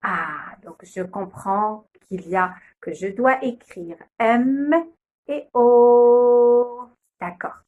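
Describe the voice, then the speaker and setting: Slow, patient woman teaching phonics. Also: fairly high pitch, fairly even intonation, phone-quality sound. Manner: slow, patient, sounding out letters and syllables. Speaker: kindergarten teacher. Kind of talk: phonics lesson video.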